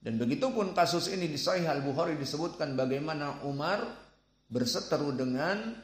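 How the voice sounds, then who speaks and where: A man giving a religious lesson, speaking slowly and deliberately and sounding out Arabic syllables. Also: a little high, lively intonation, reverberant. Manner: slow, deliberate, demonstrates Arabic sounds aloud. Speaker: Quran recitation teacher.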